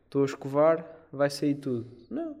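A man's voice: a little high, big pitch swings, normal speed, a little mellow. A man with a European Portuguese accent, co-hosting a podcast and arguing his point in a mock-serious way. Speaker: podcast co-host. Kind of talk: casual chat.

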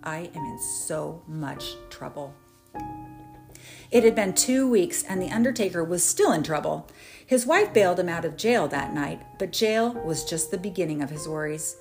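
Low-voiced woman telling a wry story. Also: lively intonation, moderate pace, music in the background. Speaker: podcast host. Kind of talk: storytelling narration.

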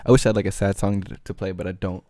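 A man's voice: deep voice, level tone, rapid-fire, warm tone, no echo. A man hosting his own podcast, rambling in loose, slangy casual chat with lots of filler words. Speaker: podcast host.

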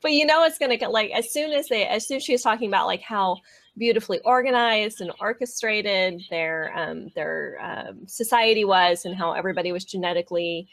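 A woman's voice: mid-range voice, fairly quick, a bit bright. A woman rambles through a casual podcast chat, hesitating and leaning on fillers. Her voice sits mid-range and sounds dry and close, with no room echo. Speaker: podcast co-host.

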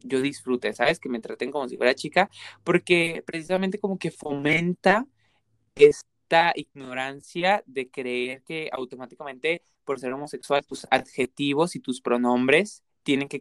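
A man's voice: medium pitch, a little slow, no room sound, clean studio sound. A man with a Mexican accent in casual conversation, talking earnestly and explaining his views at length with many examples. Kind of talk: casual chat.

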